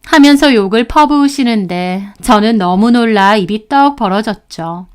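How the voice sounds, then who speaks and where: A woman telling a story in the first person, indignant and emphatic throughout. Her voice sits a bit higher than most women's. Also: lively intonation, moderate pace, clean tone. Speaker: narrator.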